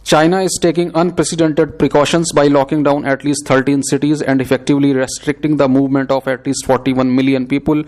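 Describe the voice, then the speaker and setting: A man with a mid-range voice reads prepared text aloud as dictation for a shorthand exercise, keeping his delivery measured, steady, and scripted.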